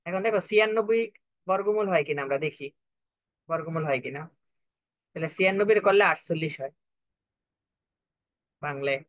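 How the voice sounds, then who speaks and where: A man's voice: fairly high pitch, normal speed, long pauses, no echo, lo-fi sound. A young man tutoring a math lesson step by step, patient and repetitive, often checking that his students understand.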